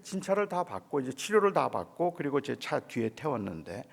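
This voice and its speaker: A middle-aged male pastor preaching at a dawn service in a church, telling a personal story in a quiet, hushed way. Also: medium pitch, big pitch swings, fairly quick, gravelly, slightly rough, long reverb tail. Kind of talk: sermon at a dawn revival service. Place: church sanctuary.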